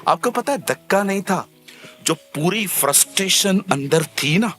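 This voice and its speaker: A man preaching as a pastor, lively and humorous, acting out little scenes and repeating key phrases for emphasis. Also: high voice, a little slow, over music. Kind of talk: sermon.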